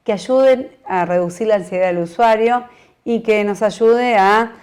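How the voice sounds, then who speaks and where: A woman with a Uruguayan Spanish accent teaching a recorded training course, explaining in a measured way with frequent fillers and restarts. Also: mid-range voice, darkish tone, clean tone. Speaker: course instructor.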